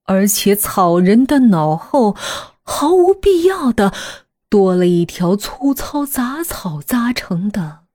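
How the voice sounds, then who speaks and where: A woman narrating a horror story in a hushed voice that often drops to a half-whisper. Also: medium pitch, big pitch swings, takes it slowly, no echo, studio quality.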